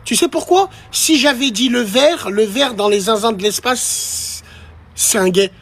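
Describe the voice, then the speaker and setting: A man's voice: very high-pitched, a little slow, a bit bright. A man ranting on a live stream, talking straight to his chat in a crude, provocative and mocking way. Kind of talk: casual live-stream rant.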